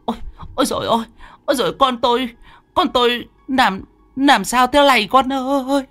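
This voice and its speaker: A shrill wailing village mother. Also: normal speed, a bit bright, soft background music. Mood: frantic panic. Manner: shrill, panicked, sobbing cries. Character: frantic wailing village mother, middle-aged.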